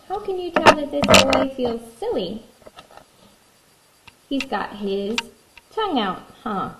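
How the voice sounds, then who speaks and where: A woman reads a picture book to small children at a very leisurely pace, the way one reads to a toddler. She pauses between phrases and puts simple questions to her listeners. The room is clearly echoey, with faint noise behind her. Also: medium pitch, fairly bright tone. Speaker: kindergarten teacher. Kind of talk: reading a picture book aloud to young children.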